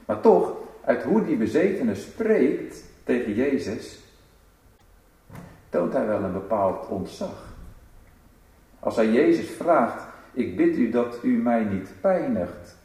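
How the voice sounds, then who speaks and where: A man preaching a sermon, emphatic and full of rhetorical questions, swinging between loud and soft. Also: mid-range voice, big pitch swings, slow, pauses often. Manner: emphatic, rhetorical questions, varies loudness strongly. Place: church. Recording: echoey church hall, voice from a distance.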